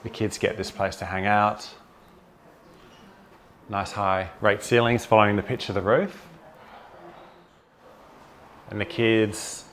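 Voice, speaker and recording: A man's voice: fairly low pitch, creaky, fairly bright tone, a little hiss or hum. An enthusiastic Australian architect in his forties, walking through a house with a clip-on mic and talking casually with plenty of fillers. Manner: enthusiastic, upbeat, with frequent fillers. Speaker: architect giving a house tour. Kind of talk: casual walkthrough narration. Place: inside and around a large suburban house.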